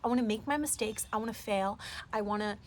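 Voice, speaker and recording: A woman's voice: medium pitch, quick pace, a little mellow, a little hiss or hum. A woman in her twenties hosting her own podcast, giving a rambling, earnest motivational talk full of "like" and "you know". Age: 20s. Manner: earnest, rambling, heavy use of "like". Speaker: podcast host. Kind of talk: casual motivational monologue.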